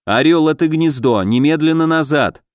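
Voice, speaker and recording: A man voicing a quick-thinking young male elf tactician giving brisk commands. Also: a little high, no room sound, studio quality, pitched above the performer's own voice, close to an everyday voice. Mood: commanding.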